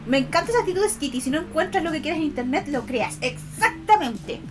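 A woman with a Chilean accent chatting casually on a livestream to her viewers, expressive and affectionate in a cutesy, girlish e-girl manner. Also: sits high, racing. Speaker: VTuber art streamer. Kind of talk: casual livestream chat, reading and answering viewers' comments. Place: indoors at a computer. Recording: music behind the voice.

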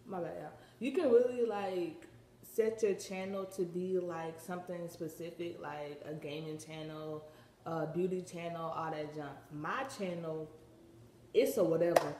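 A woman's voice: lowish voice, a little slow, dark tone, roomy sound, slight background noise. A teenage girl vlogging casually, rambling in slang with lots of filler words and a slight lisp from a retainer. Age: teens. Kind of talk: casual vlog chat.

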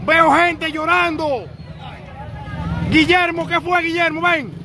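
A man with a Dominican accent reporting live outdoors on a city street, excitable and joking, whooping loudly between remarks. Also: very high voice, slow. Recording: crowd noise on a street.

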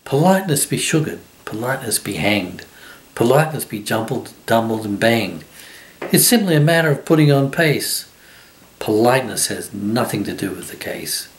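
An older man voicing a rude, bossy magic pudding that shouts rhyming outbursts. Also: mid-range voice, animated, moderate pace, close to an everyday voice.

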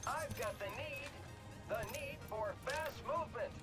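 An actor voicing a cheerful, lively video game hero making animated combat callouts. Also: male voice, extremely high pitch, unhurried. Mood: upbeat. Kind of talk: video game character voice lines. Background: loud game music and effects.

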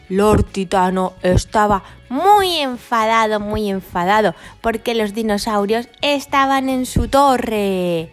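A woman, a children's toy channel host, telling a story and showing toys in a bright way aimed at kids. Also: a little high.

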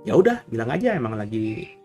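A man's voice: mid-range voice, very animated, fairly quick, a little mellow, faint music behind. A man, a pastor giving a casual, chatty Bible teaching and often checking in with his listeners.

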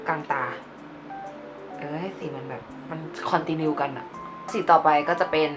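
A woman's voice: low voice, fairly even intonation, moderate pace. A young woman casually chatting as she demonstrates her everyday makeup, playful and explaining each step. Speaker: beauty vlogger. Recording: music playing behind her voice. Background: background music.

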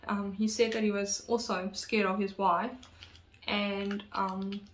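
A woman's voice: mid-range voice, level tone, slow pace. A woman telling a true crime story in a casual, chatty way, full of fillers and asides. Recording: roomy echo.

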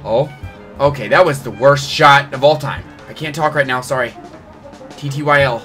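A man's voice: mid-range voice, moderate pace, faint music behind. A man hosting his gaming channel, giving jokey live commentary on his own match and yelping at every bad play. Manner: excitable, jokey, groans and yelps at plays.

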